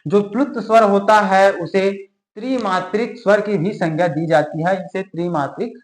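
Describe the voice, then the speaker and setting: A man teaching an exam-prep grammar lesson, stretching key terms out word by word and checking in with the class constantly. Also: high voice. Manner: drawls key terms slowly word by word, adds frequent check-ins. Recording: echoey room.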